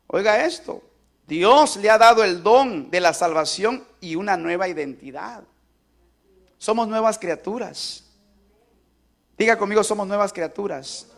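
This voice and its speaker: A man's voice: high voice, lively intonation, measured pace, gravelly, long pauses. A man preaching a sermon as pastor, emphatic, asking the congregation to repeat lines aloud with him. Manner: emphatic call-and-response preaching.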